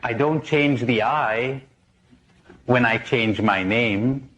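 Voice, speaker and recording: A man's voice: medium pitch, slow pace, a bit bright, highs cut off. A man, a priest, giving a spiritual conference talk, posing questions and repeating key words for emphasis, with jokes woven in.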